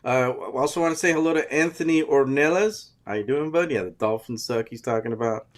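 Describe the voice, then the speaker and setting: A man's voice: mid-range voice, fairly quick. A man co-hosting a casual soccer fan podcast, greeting viewers by name in an easygoing way. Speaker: co-host.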